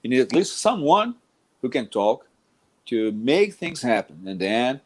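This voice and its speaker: This middle-aged man from Brazil has a mid-range, sing-song voice and an unhurried pace. A jiu-jitsu instructor with a Brazilian Portuguese accent, he rambles casually about teaching, frequently starting over and dropping "man" constantly.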